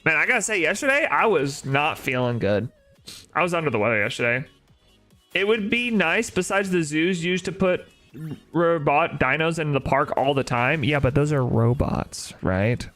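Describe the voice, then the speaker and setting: Bright-voiced young man streaming. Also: fairly high pitch, animated, normal speed, faint music behind. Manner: opinionated, talks back to chat with rhetorical "right?". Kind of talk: casual live-stream chat.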